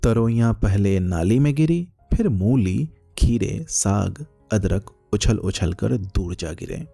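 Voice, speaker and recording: Slow, gravelly male storyteller. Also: on the low side, expressive, mellow, dry recording, soft background music. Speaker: narrator. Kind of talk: literary story reading.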